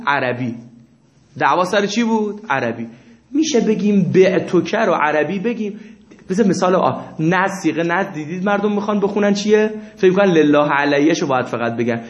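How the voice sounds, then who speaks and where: A man gives a seminary lesson, reading passages aloud and then explaining them. His voice sits a little high for a man. He keeps asking his students questions and answering them himself, and the room around him rings with a clear echo. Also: lo-fi sound. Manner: reads Arabic passages aloud. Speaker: seminary teacher. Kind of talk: lecturing on Islamic jurisprudence.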